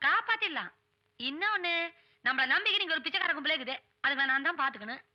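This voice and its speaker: A woman playing a boastful, easily frightened fortune teller in a film comedy, with quick mock-brave banter. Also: high-pitched, expressive, highs cut off. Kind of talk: Tamil film comedy dialogue.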